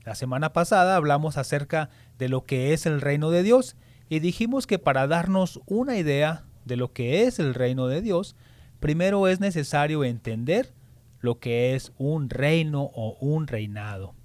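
A man's voice: a little high, animated, moderate pace, a little mellow, dry recording. A man hosting a children's radio program, explaining things simply to young listeners.

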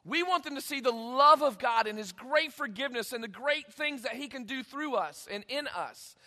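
A man preaches a conversational sermon from the pulpit and slips into the voices of the people in his story. His voice sits very high, bright and forceful, and it rings out with a long hall reverb. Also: moderate pace. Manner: conversational preaching, acting out biblical dialogue. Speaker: pastor.

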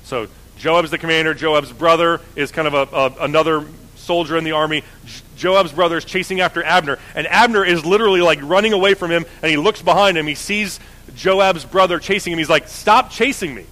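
A man's voice: on the high side, a little fast, pushed and bright, poor audio. A man teaching the Bible in a casual, conversational way, often correcting himself. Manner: conversational, self-correcting, many fillers.

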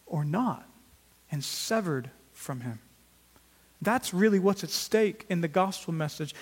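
A man's voice: high voice, slightly rough, big-room sound. A man preaching an earnest sermon as pastor, with emphatic rises in volume on key words.

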